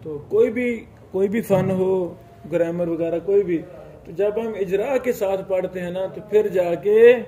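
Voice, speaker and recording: A man with a high, mellow voice lectures a classroom at an unhurried pace. He explains point by point, recites classical Arabic passages, and keeps asking his students whether they follow. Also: a little hiss or hum. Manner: explains slowly, often checks students' understanding with questions. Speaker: teacher of hadith studies.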